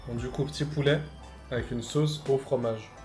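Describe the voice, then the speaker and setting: A young man, animated, tasting fast food in a casual vlog and swearing loudly at bad food. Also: medium pitch, soft background music, rough recording. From Switzerland. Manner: animated, loud bursts of disgust, swearing. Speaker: food vlogger.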